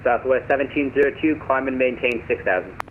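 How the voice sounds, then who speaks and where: A man acting as an air traffic controller, giving clipped instructions in radio phraseology over a radio channel. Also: medium pitch. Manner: brisk, formulaic instructions with callsigns. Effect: heard over a radio channel. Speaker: air traffic controller in a multiplayer flight sim. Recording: tinny radio voice chat with faint hiss.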